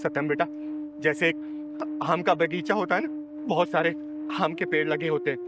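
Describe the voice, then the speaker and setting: A man acting as a caring but fiery kinner elder sister in an emotional short-film drama, gentle when advising and harsh when scolding. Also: fairly high pitch, big pitch swings, normal speed, background noise. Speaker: Chingari didi, lead of a short film.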